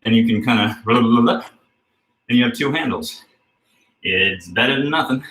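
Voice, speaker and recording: A man working as a fitness trainer who talks through exercises in a relaxed, chatty way, recorded indoors on a camera mic from a distance. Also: mid-range voice, normal speed. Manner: relaxed, chatty coaching with fillers. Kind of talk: casual workout instruction. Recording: roomy sound from a distant mic.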